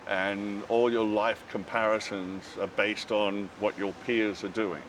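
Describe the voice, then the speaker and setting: A middle-aged Australian man tells rambling stories as a guest in a casual interview, laughing often and saying "you know" a lot. His voice is lowish, level and fairly bright, and he speaks unhurriedly. A distant mic picks up city noise around him.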